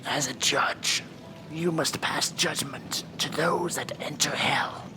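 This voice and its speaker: In a whispered horror ASMR role-play, a man plays Hell's demon judge, stern and impatient, scolding and issuing commands. He sounds exasperated and weary but deliberate as he instructs, in a slightly high voice on a rough recording.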